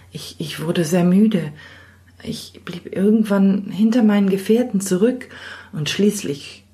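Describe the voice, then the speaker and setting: Woman voicing a sorrowful enchanted knight. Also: low-pitched. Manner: gentle and sorrowful, softly spoken. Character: melancholy enchanted young knight. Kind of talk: fairy tale reading.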